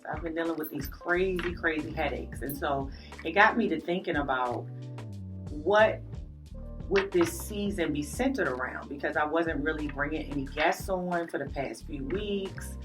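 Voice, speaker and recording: A woman hosting a podcast, greeting her audience and guests in an animated, drawn-out way with playful asides. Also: low voice. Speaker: podcast host. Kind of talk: enthusiastic podcast welcome and interview. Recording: distant mic with faint music behind.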